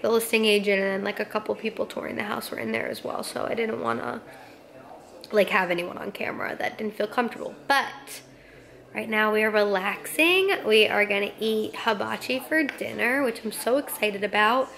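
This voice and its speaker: A chatty young woman talks straight into a camera she holds at arm's length, catching her audience up on her week. Her voice sits a little high, and she keeps things light with quick asides. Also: creaky, a bit bright. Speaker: vlogger. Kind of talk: casual vlog chat to camera. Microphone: phone or camera held at arm's length.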